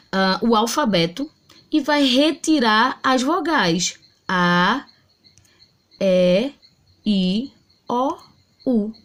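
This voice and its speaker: A woman teacher giving a home video grammar lesson, explaining step by step and sounding out syllables. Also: on the high side.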